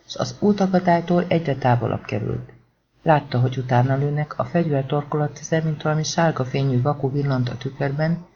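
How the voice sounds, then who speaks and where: A man narrating a thriller audiobook with tense, dramatic delivery. His voice is slightly high for a man, gravelly and dark-toned, and the recording sounds dull and lo-fi.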